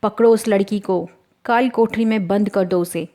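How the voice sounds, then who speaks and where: A woman's voice: medium pitch, steady tone, moderate pace, mellow, close to an everyday voice. A woman doing a furious landlord barking orders. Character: cruel rich landlord, an angry man.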